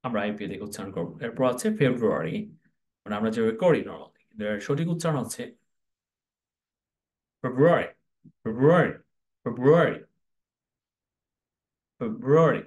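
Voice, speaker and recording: A man's voice: lowish voice, big pitch swings, quick pace, darkish tone. A man with a Bangladeshi accent teaching English pronunciation in a spoken lesson, repeating each model word several times and mixing English words into his speech.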